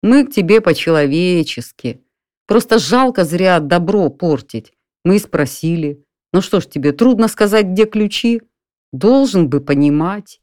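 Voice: mid-range voice, lively intonation, a little mellow, no room sound, studio quality, pitched above the performer's own voice, lightly acted. Чтец изображает рассудительного грабителя, простонародного и неторопливого, голос выше обычного. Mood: mocking threats. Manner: folksy, unhurried, addresses the listener as "барин". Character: calm, reasoning burglar in an apartment.

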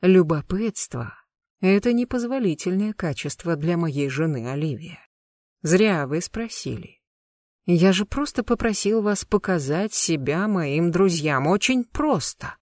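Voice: medium pitch, animated, a little slow, no echo, studio quality, close to an everyday voice. A reader voicing a suave, cruel aristocratic lord in an audiobook, speaking with mocking courtesy and cold menace. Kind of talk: audiobook narration.

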